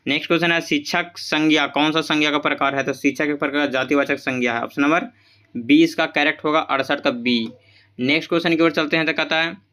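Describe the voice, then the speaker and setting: A man's voice: a little high, sharp tone, smooth. A man going through exam questions as a tutor, asking each answer back as a question, repeating it and mixing English terms into his explanations.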